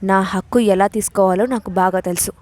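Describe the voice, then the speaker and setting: A woman voices an arrogant, scheming older woman in an audio story, sounding furious, angry and boastful. Her medium-pitched, darkish voice runs a little fast with fairly even intonation, close to how she normally speaks, and there's no room sound.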